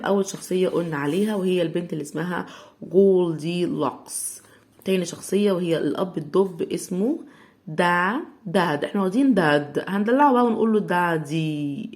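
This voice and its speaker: Egyptian woman teaching English slowly. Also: lowish voice, darkish tone. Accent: Egyptian Arabic. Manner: slow, drawn-out syllable-by-syllable sounding out of words. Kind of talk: children's English lesson.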